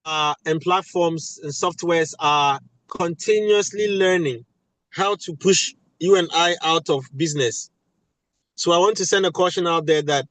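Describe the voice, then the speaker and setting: A man's voice: a little high, dry recording, low-quality recording. A man with a West African, Ghanaian accent talking emphatically at a webinar, repeating key phrases for weight. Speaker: voice actor and audio producer speaking at a webinar. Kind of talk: animated panel talk.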